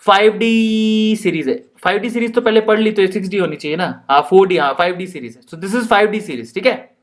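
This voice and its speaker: A male chemistry teacher lectures in a playful, animated way and jokes as he teaches. His voice is fairly high for a man, and he slips English phrases into his talk. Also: brisk. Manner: playful, jokey, laughs while teaching; animated, mixes Hindi and English. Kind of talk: classroom lecture.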